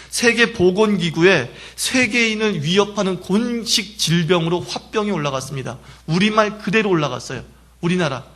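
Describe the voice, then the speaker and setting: A man's voice: high voice, a bit bright. A middle-aged male pastor preaching a sermon with emphasis, now and then acting out anguished prayers. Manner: emphatic, acts out cries and prayers.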